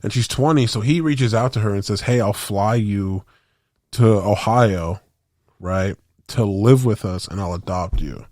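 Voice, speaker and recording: Lowish slangy guy rambling a story. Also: unhurried, a little mellow, no echo, studio quality. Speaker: podcast co-host. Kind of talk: casual chat.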